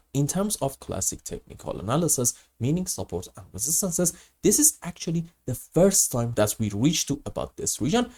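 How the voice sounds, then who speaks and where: A man with a rough, grating voice, hoarse from a cold, hosting an explanatory chart commentary and often posing questions that he then answers. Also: medium pitch, warm tone. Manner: poses questions and answers them, emphatic on key words. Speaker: host of a crypto market analysis channel.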